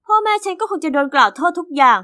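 Woman voicing a cheeky, bright teen girl. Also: sits high, fast. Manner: lively, cheeky first-person storytelling. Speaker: narrator of an animated diary story. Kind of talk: animated story narration.

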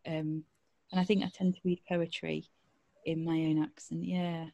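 A woman with a Northern English accent, a poet talking thoughtfully in an interview over a video call, pausing often with ums. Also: sits low, flat delivery, vocal fry, dark tone, muffled recording. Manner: thoughtful, hesitant with frequent ums. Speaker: poet and guest. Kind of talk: casual interview chat.

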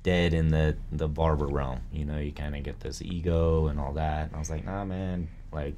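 A man's voice: extremely low pitch, level tone, moderate pace, dark tone, a little hiss or hum. A man in his thirties, a barbershop owner, talking casually and laid-back in an interview, with slang and easy laughs. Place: barbershop, indoors.

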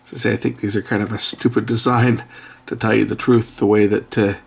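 His voice is lowish, flat, creaky, and slightly rough, and he talks fairly quickly. He's a middle-aged man hosting a repair video, doing hands-on work at an indoor workbench and offering casual, blunt commentary with a touch of grumbling. Faint clicking and background noise sit under the recording.

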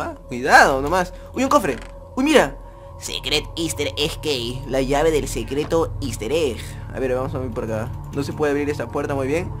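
A man's voice: on the high side, fairly bright tone. A young man with a Peruvian Spanish accent, playing a horror game and commenting for viewers, jumpy and joking. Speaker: gaming youtuber. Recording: faint music behind voice.

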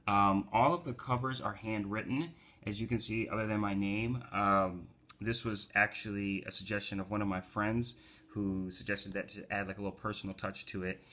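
A man's voice: fairly low pitch, fairly even intonation, moderate pace, bright, forceful tone. Man introducing and reading his poetry. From United States. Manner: loose talk with fillers, rising to emphatic poetry recital. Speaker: community organizer and poet. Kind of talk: casual talk and poetry reading.

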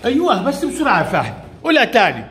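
Male teacher, high and animated voice, short prompts and praise for young pupils in a classroom reading lesson. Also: rapid-fire. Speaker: primary school teacher.

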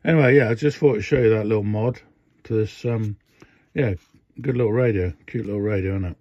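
At an indoor workbench, an older man briskly walks through a radio modification in a casual demo, his lowish voice a little mellow. He rambles with many fillers and restarts. It's dull, dry lo-fi phone audio, free of room sound.

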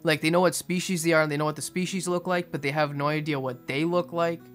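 A young man giving a casual aquarium update voice-over in a monotone, restrained way. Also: on the high side, quick pace. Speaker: fishkeeping video host. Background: music behind the voice.

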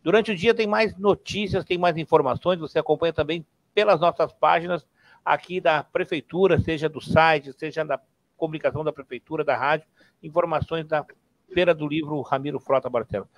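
A man's voice: on the high side, fairly quick, no room sound. Man in his fifties, upbeat radio host, headphones and studio mic, dry close sound. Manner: upbeat, repeats phrases. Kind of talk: live radio presenting. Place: small radio studio, indoors.

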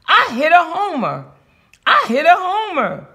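In a read-aloud storybook, an eager, clumsy little frog boy bursts out in a very high, bouncy voice, as a man puts him on. His cries leap all over the scale with a bright, forceful ring. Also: wildly swooping pitch, a little slow, heavily acted. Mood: excited.

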